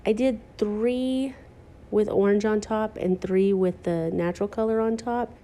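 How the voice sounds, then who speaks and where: A woman's voice: medium pitch, steady tone, a little slow, warm tone. A woman hosting a chatty craft tutorial, stuffy from allergies, joking about her own mistakes. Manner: chatty, self-deprecating, enthusiastic about textures. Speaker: craft video host.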